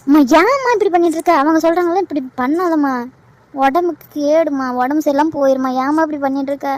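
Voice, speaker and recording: A woman's voice: high-pitched, quick pace, no room sound, natural voice. A woman voicing a protective young daughter in an amateur cartoon, speaking in a pleading, indignant way.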